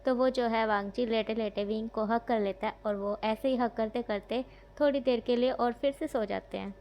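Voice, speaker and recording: Woman storyteller, casual retelling of a fan-fiction romance, slightly high voice, self-corrects often. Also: a little hiss or hum.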